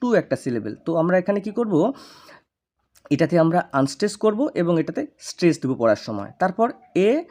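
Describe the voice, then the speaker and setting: A teacher giving an online literature lesson who explains step by step, tells students to look, and reads English lines slowly, syllable by syllable. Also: mid-range voice, sing-song, darkish tone.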